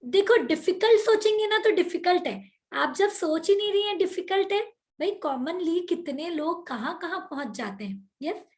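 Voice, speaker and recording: A woman hosting an online motivational workshop over a video call, energetic and coaxing, mixing English words into her Hindi. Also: very high-pitched, moderate pace, hardly any pauses.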